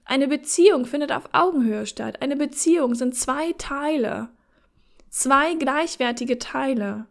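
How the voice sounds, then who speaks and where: High-voiced woman giving frank advice. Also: a little slow, gravelly. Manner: frank, encouraging, addresses listener as you, mixes in English phrases. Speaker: relationship and sex advice speaker. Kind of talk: casual direct advice talk to listener.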